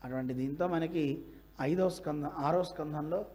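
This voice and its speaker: A man delivers a devotional sermon to a gathering, his voice sitting high for a man. He tells a sacred story in an animated way. He acts out the dialogue in several voices as he goes. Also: moderate pace. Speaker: religious teacher. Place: religious gathering.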